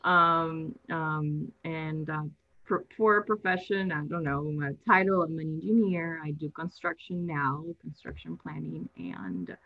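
A young Latin American woman, a native Spanish speaker, answers questions as a guest in a casual conversational interview, her voice low and a little slow. Slightly nervous, she laughs and restarts sentences, and the lo-fi recording sounds dull.

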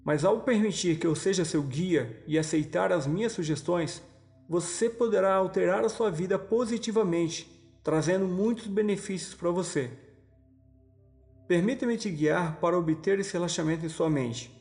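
Gravelly Brazilian man guiding hypnotic relaxation. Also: sits high, a little mellow. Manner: soothing, slow instructions with pauses. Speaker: hypnosis guide. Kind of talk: guided hypnosis relaxation narration, like a sleep story. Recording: voice over background music. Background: music.

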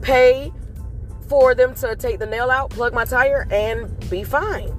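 A woman giving an earnest, casual motivational talk to her viewers, telling a story with animated acted outbursts. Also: on the high side, slow pace, faint music behind. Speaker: motivational vlogger.

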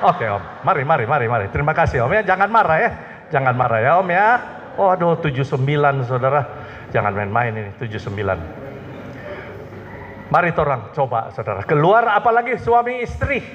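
A man with a Manado Malay accent delivers a joking, animated sermon, tossing questions to the congregation and answering them himself. His voice sits a little high and leaps around in pitch. The sound is dull and lo-fi, with a long hall reverb and a faint hiss behind it. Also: a little fast. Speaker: pastor. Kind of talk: humorous sermon with call-and-response. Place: church hall.

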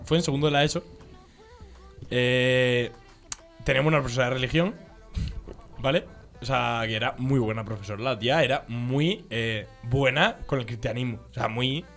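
A young man with a Spanish accent from Spain, telling school stories in a casual chat and laughing through them. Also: medium pitch.

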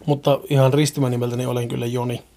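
A man's voice: medium pitch, flat delivery, dark tone. A man hosting a podcast, chatting casually and joking while reading listener mail. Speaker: podcast host. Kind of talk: casual chat.

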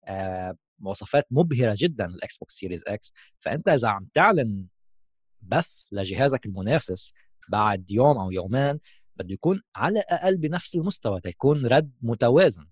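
A man's voice: mid-range voice, lively intonation, fast talker, husky, no echo. A man with a Levantine Arabic accent giving a casual explanatory tech talk as a gaming host, mixing in English terms.

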